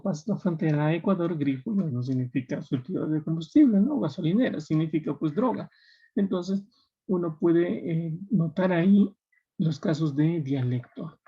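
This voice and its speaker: A man from Peru with a Peruvian Spanish accent gives a classroom lecture, his voice on the high side, warm, with a breathy edge. He explains things step by step and keeps checking in with students through tag questions. The recording is dull and lo-fi.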